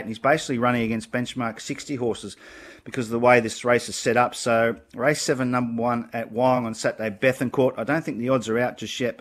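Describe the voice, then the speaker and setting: A man's voice: medium pitch, a bit bright. An Australian man, a horse racing tipster, talking casually and confidently through his picks in a blokey, opinionated way. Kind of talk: casual racing tips on a panel show.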